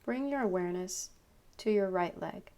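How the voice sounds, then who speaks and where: A woman with a mid-range voice leads a guided meditation as a yoga nidra teacher. Her instructions are calm and unhurried, given in short phrases with pauses.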